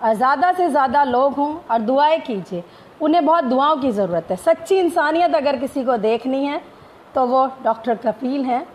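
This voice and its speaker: A woman's voice: sits high, lively intonation, moderate pace, a little hiss or hum. A woman hosting a live stream, opening with formal greetings and often hesitating between phrases. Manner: formal Urdu-inflected greetings, many hesitations.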